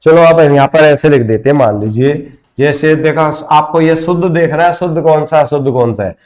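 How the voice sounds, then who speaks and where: A man's voice: on the high side, normal speed, a little mellow. A man teaching a grammar lesson at a whiteboard, explaining step by step and asking his students rhetorical questions. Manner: addresses students as friends.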